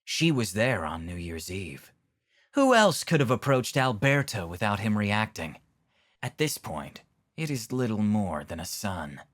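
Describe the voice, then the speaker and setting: The Riddler, slow and theatrical villain. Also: male voice, fairly low pitch, big pitch swings. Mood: theatrical, insinuating. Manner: theatrical, self-questioning, pompous. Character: smug, theatrical male villain obsessed with riddles. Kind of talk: scripted motion comic acting.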